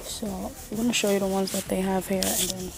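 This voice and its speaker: Over music, a young woman talks a little fast in a level, medium-pitched voice, vlogging casually with blunt slang and occasional swearing. Her handheld phone is held at arm's length as she goes from outdoors on a city street to inside a discount store.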